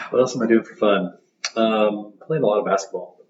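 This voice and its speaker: A man in his thirties chatting as a podcast guest, halting with many ums and restarts. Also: fairly low pitch, slight background noise. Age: 30s. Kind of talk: casual podcast chat. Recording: roomy, muffled podcast audio.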